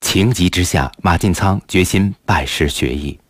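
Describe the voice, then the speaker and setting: A man giving measured, solemn scripted narration for a documentary. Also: low voice, no room sound. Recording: loud background music.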